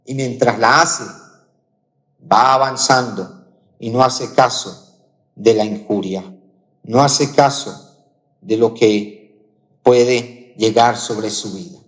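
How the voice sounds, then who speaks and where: A man with a Colombian accent preaching a sermon as pastor, slow and emphatic, repeating key phrases. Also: medium pitch, fairly bright tone, big-room sound. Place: church auditorium.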